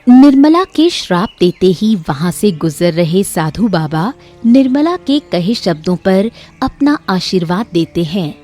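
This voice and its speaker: A woman giving scripted storybook narration for an animated moral tale, in a steady, even storytelling manner. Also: lowish voice, a little slow, soft background music.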